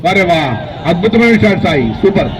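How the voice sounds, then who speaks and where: A man's voice: high voice, animated, fairly quick, a crowd in the background, noisy background. A man with a Telangana Telugu accent giving informal live amateur cricket commentary outdoors, chatting directly to the players. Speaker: local cricket match commentator. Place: outdoors at a local cricket ground. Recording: distant outdoor sound from the mic.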